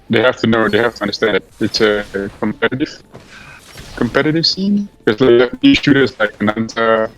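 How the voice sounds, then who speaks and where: Low-voiced man chatting casually. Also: a bit bright, rough recording. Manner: rambling, many fillers and restarts. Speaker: streamer in a group discussion. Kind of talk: casual chat.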